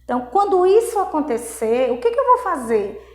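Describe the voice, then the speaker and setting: A woman from Brazil teaching English grammar in a video lesson, explaining step by step, checking in often and reading English examples slowly. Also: sits high, big pitch swings, a little mellow, reverberant.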